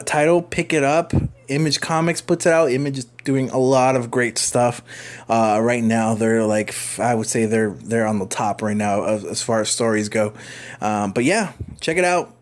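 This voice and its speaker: Guy rambling about a comic he likes, lots of ums and restarts, mid-pitched voice. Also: normal speed. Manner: rambling, many fillers and restarts. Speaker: comic book reviewer. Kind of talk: casual review vlog.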